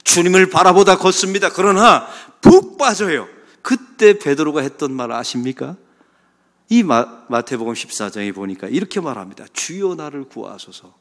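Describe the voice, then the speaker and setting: A middle-aged male pastor preaching a sermon, swinging dramatically between loud exclamations and hushed, pleading passages. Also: on the high side, lively intonation, normal speed. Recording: long reverb of a church hall.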